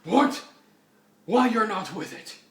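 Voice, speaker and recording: A man voicing a gruff male vigilante hero who blurts out curses, read in a roomy room from a distant mic. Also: a little high, animated, moderate pace. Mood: shocked. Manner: blurting, cursing bluntly.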